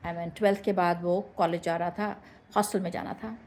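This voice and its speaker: A woman speaker telling a life-lesson story in an expressive way, mixing Hindi and English, with slow, deliberate emphasis on key lines. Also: lowish voice, a little hiss or hum. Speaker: motivational speaker. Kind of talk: motivational storytelling.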